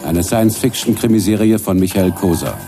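A man's voice: sits low, a little fast, music in the background. A man reading a scripted title announcement as the announcer of a radio series.

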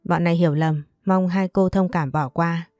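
A woman's voice: on the low side, steady tone, moderate pace, darkish tone, no echo, studio quality, soft background music, close to an everyday voice. Woman voicing a frightened pleading gang leader. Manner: pleading, apologetic.

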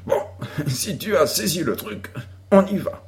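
A bold young boy playing at being an outlaw hero, as a male reader puts him on, high-pitched and commanding. He declaims his lines with theatrical flair and lively swoops in pitch. It is a storybook reading. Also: measured pace, noisy background.

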